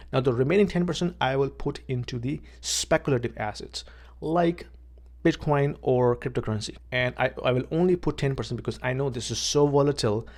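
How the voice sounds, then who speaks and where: Outdoors and talking straight to camera, a Pakistani vlogger and realtor speaks in a plain, casual way. His voice is mid-range and a little mellow, and he tends to repeat words and drop in "okay" to check in.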